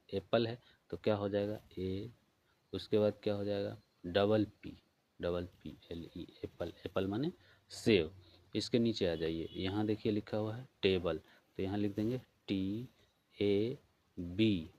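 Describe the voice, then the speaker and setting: Bihari guy tutoring kids through a workbook, deepish voice, slow and patient, spells stuff out. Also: a little mellow. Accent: Bihari Hindi. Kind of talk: workbook walkthrough lesson.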